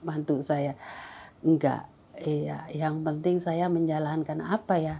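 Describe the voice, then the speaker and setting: A woman's voice: sits low, flat delivery, takes it slowly, vocal fry, warm tone, breathy edge. A middle-aged woman giving a spoken testimony in a casual interview, talking in an earnest, rambling way with many fillers and restarts.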